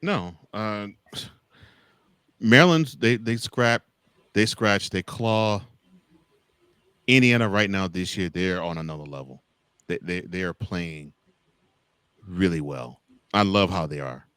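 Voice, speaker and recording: A man's voice: deep voice, a little slow, pauses often, a bit bright, clean tone, no room sound. An American man co-hosting a casual college football discussion, repeating words and phrases for emphasis. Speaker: sports show co-host.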